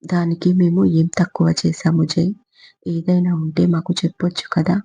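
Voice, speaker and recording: A woman's voice: lowish voice, monotone, moderate pace, creaky, dark tone, slightly rough, soft background music, heavily acted. Woman voicing a scolding tearful mother. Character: angry tearful middle-aged mother. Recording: muffled lo-fi recording.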